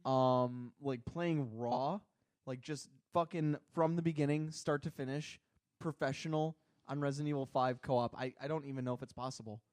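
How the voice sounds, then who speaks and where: A man's voice: mid-range voice, steady tone, normal speed, a little mellow, dry recording, clean studio sound. A young man co-hosting a gaming podcast, talking casually and emphatically with lots of swearing and restarts. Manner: profane, emphatic, restarts a lot. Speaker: podcast co-host.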